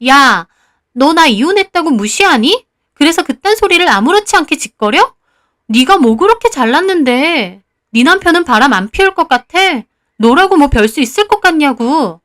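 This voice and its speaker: A woman voicing a shrill, spiteful ex-friend. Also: very animated, moderate pace, few pauses, fairly bright tone. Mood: furious. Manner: snapping, shrill and indignant.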